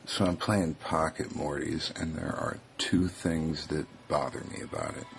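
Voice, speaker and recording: Low-voiced man rambling aloud. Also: creaky. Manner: musing aloud, halting with fillers. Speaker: video host. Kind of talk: casual rambling commentary.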